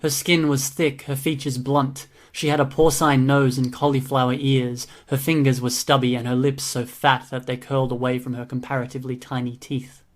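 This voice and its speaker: Audiobook narrator, male, mid-range voice, flat steady delivery. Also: mid-range voice, moderate pace. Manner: even, steady reading. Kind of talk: scripted narration.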